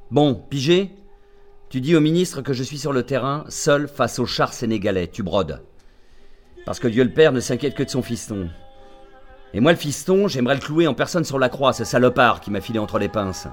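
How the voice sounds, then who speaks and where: Actor as swingy-pitched, foul-mouthed bullying agent. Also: male voice, expressive, moderate pace, faint music behind, close to an everyday voice. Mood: sarcastic, exasperated. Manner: sarcastic, bullying, blunt. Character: foul-mouthed, irascible, sarcastic male agent barking orders. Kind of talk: radio drama acting, phone-call monologue.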